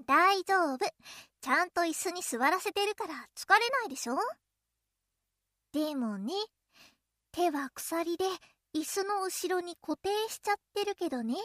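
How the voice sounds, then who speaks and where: A woman voices a clingy, possessive young girl who is the listener's childhood friend in an audio role-play, addressing the listener in a coy, teasing, playful way with a soft menace. Her very high voice is expressive and heavily acted, delivered at a measured pace in a studio-quality recording with no echo.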